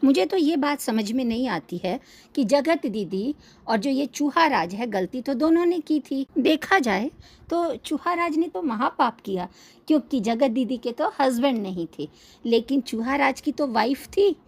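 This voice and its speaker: A young woman with a slightly high voice delivers critical commentary with steady indignation. She scolds and fires pointed questions as she goes. Her tone stays reproachful throughout. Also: unhurried. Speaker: reaction video host. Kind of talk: critical commentary on online creators.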